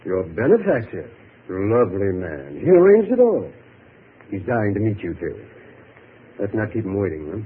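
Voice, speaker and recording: Ingratiating, smug lawyer, very lively delivery, vintage radio drama, band-limited recording. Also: male voice, lowish voice, normal speed, long pauses, breathy edge, full character voice. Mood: chummy, oily. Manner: oily, chummy, self-satisfied. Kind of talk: 1940s-50s radio drama acting. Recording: tinny, faintly noisy old radio recording.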